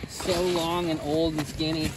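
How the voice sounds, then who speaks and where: A man's voice: a little high, level tone, measured pace. A man talking casually and coaching a friend while ice fishing outdoors. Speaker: fishing companion. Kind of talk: casual chat. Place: frozen lake outdoors. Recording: loud outdoor wind noise.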